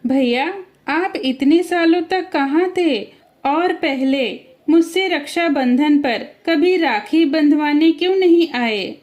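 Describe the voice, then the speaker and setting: A gentle young bride from a storybook cartoon speaks softly and earnestly, as a woman narrator plays her. Her voice is high and unhurried. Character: gentle young married sister.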